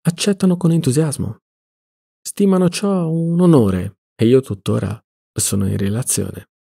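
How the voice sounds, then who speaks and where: A man reading an audiobook, voicing a cynical, mocking middle-aged male libertine in a low, soft drawl. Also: unhurried, vocal fry, husky. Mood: boastful.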